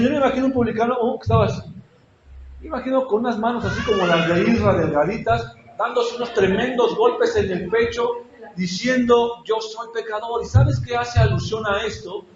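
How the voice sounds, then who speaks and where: A pastor preaches in a church hall in an extremely high-pitched voice, questioning his congregation and acting out prayers with feeling. The recording is echoey and dull, lo-fi, with a noisy background.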